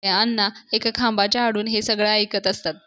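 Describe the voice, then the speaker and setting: A woman narrating a casual episode recap, animated and acting out the characters' lines. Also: mid-range voice, fairly quick. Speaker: serial episode reviewer. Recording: dull lo-fi recording.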